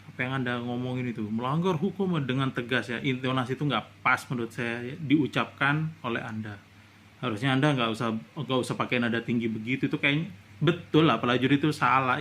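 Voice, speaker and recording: A man's voice: mid-range voice, a bit bright, slight background noise. Indignant Indonesian man ranting. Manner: indignant, lecturing, rising to outbursts. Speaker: vlogger. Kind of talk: casual commentary monologue.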